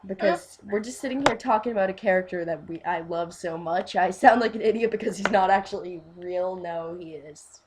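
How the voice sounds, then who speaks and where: A woman in casual fan chat, rambling and gushing, full of fillers, swinging from quiet asides to loud bursts. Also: on the low side, a little fast, few pauses, background noise. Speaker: fan vlogger.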